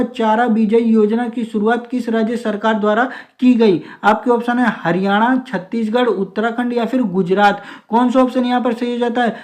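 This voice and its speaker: A young man teaching an exam revision lesson, reading out quiz questions and options and then giving each answer, often addressing listeners as friends. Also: extremely high pitch.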